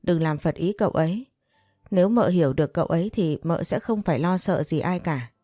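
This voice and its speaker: A woman voicing a kindly, motherly older female house servant in an audio story, speaking with gentle advice. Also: fairly low pitch, lively intonation, fairly quick, no echo, clean studio sound, faint music behind.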